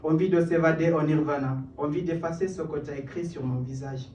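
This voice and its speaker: A young English-speaking man from Kenya performs spoken-word poetry at an open mic on a small cellar stage, building a rhythmic delivery and tossing in self-deprecating asides. His voice is a little high, slightly mellow, fairly quick and fairly even in intonation. The live room sounds roomy and distant, with slight background noise.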